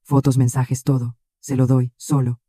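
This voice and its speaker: A man reading the lines of a scared young woman who pleads, in a flat, measured way. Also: medium pitch, dry recording, clean studio sound, close to an everyday voice. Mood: pleading.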